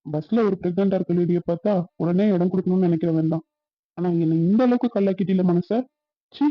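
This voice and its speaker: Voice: medium pitch, quick pace, dry recording, natural voice. A performer voicing a sarcastic, muttering young husband in a cartoon. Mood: bitter. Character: grumbling, cold-hearted young husband. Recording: dull, dry lo-fi sound.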